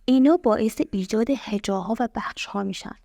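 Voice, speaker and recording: A young adult woman teaching an English lesson, patiently asking the class questions and repeating words slowly to show their syllables. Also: a little high, gravelly, mellow, no room sound, clean studio sound. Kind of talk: explaining a language lesson.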